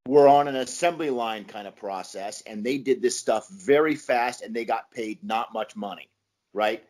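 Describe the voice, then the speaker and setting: A man's voice: mid-range voice, a little mellow. Man explaining emphatically as podcast guest. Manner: emphatic, checks in often with "right?". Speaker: podcast guest, comics scholar and author. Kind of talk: informal explanatory interview talk.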